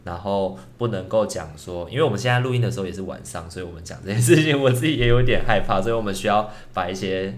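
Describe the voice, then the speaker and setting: Low-voiced man telling a ghost story. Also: quick pace, few pauses. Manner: rambling, with many restarts and filler words. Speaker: podcast co-host and storyteller. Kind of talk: casual ghost-story chat. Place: indoor recording at night.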